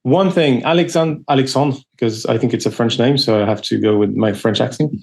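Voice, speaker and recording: A man's voice: lowish voice, brisk, vocal fry, a little mellow. Man moderating a webinar. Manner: reads audience questions aloud. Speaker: webinar host.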